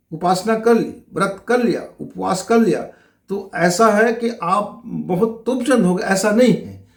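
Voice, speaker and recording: A man's voice: sits high, reverberant. A middle-aged man, a spiritual teacher, giving a motivational talk that calls listeners friends and runs through long lists of rhetorical questions.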